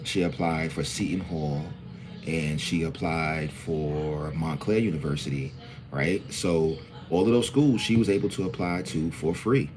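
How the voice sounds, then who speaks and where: A man's voice: extremely low pitch, measured pace, a crowd in the background. A man in his forties from New hosting a livestream, talking loosely and greeting viewers by name. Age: 40s. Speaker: livestream host. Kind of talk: casual livestream talk.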